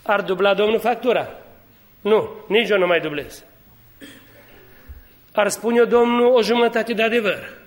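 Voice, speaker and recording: A man's voice: high-pitched, pauses often. A man preaching a sermon, telling humorous stories and building to fervent exhortation. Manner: lively, humorous storytelling that rises to fervent exhortation.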